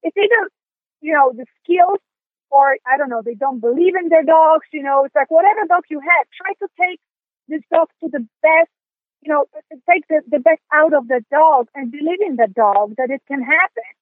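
A woman from Poland with a Polish accent, speaking as an interview guest in halting sentences full of restarts and fillers. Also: high voice, no echo. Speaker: guest, dog sport competitor. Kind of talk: interview conversation. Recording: tinny phone line.

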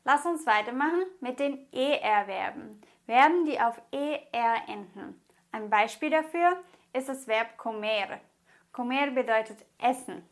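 A woman's voice: on the high side, measured pace. A woman teaching a grammar lesson in a patient, encouraging way, spelling things out and repeating. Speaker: language teacher.

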